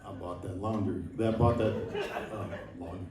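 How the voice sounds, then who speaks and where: A man in his sixties doing a stand-up set, rambling and self-deprecating with lots of halting fillers. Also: sits low, steady tone. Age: 60s. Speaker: stand-up comedian. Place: live comedy venue with audience laughing. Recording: echoey room, mic at a distance, crowd laughter.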